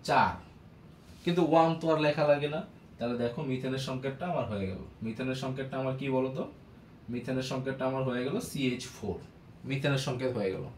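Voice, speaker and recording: A man's voice: medium pitch, quick pace. A man teaching a chemistry lesson, asking questions and answering them himself, repeating key words. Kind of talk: classroom lesson, call-and-response. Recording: echoey room with faint background noise.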